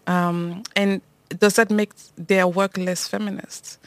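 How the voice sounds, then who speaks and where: A woman's voice: mid-range voice, level tone, takes it slowly, dry recording. A woman from Cameroon co-hosting a podcast, talking casually and reflectively, with frequent restarts and hesitations. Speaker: podcast co-host. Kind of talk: casual conversation between friends.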